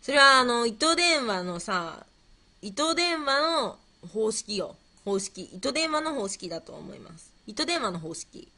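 Bright, lively woman streamer. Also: on the high side, slow. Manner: playful and scatterbrained, musing aloud and repeating herself. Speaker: livestream host. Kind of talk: casual livestream chat, answering quiz questions and reading viewer comments.

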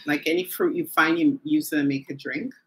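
A woman's voice: sits low, steady tone, fairly quick, a little hiss or hum, poor audio. A woman hosting a live stream from home, chatting casually, talking straight to her viewers and laughing often. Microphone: phone or camera mic on a live stream.

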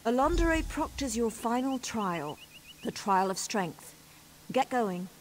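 A woman's voice: a little high, very animated, slow pace, a little hiss or hum, rough recording. An actress playing a brusque, matter-of-fact female officer who runs a race trial. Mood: brisk.

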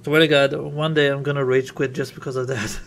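A man's voice: medium pitch, flat delivery, brisk, creaky, soft background music. A man from Israel, rambling through casual gameplay commentary as a streamer and thinking aloud.

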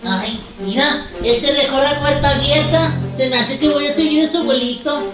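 A man's voice: very high-pitched, normal speed. An adult performer voicing a little boy elephant in a children's skit, childish and complaining, with a Mexican accent. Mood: eager. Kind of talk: children's costumed-character skit. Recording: loud music under the voice.

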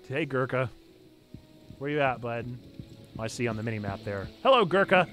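A man's voice: medium pitch, big pitch swings, moderate pace, fairly bright tone, soft background music. A man in his thirties giving casual, playful live-stream commentary while gaming, on a close mic. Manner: playful, jokey. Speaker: game streamer.

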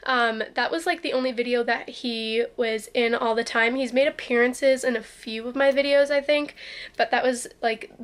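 A woman's voice: on the high side, fairly even intonation, normal speed. A woman in her twenties chatting casually to her camera at arm's length in her bedroom, with lots of ums and likes. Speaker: vlogger. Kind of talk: casual vlog chat. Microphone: handheld camera at arm's length.

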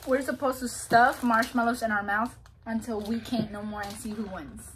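A woman's voice: fairly high pitch, fairly even intonation, moderate pace, a bit bright, slight background noise. A young woman chatting casually as co-host of a vlog, recorded in a small room. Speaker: channel co-host. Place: small bedroom, indoors.

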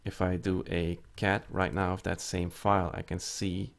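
This network tutorial presenter has a low voice that moves little in pitch, speaking at normal speed with vocal fry. He walks through a screen-recorded tech lesson step by step, typing commands and talking casually with lots of fillers.

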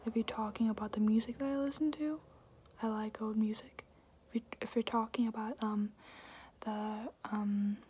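A young adult woman whispering softly and close up in a hesitant, rambling, casual ASMR question-and-answer style. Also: on the high side, slight background noise. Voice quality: breathy, unvoiced whisper. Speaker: ASMR video creator. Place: small room indoors, at home.

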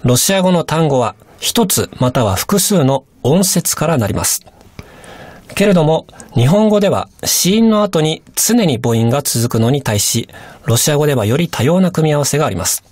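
Man for a radio language lesson: polite, measured teacher, animated pitch, dry close sound. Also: no echo.

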